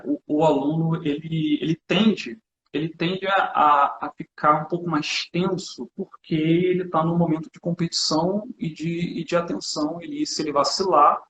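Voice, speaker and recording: A man's voice: fairly high pitch, roomy sound, dull audio, slight background noise. A man from Brazil, a teacher, chatting casually and animatedly while demonstrating classroom materials, often adding "né". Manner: animated, hands-on, chatty with fillers like "né". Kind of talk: casual conversation.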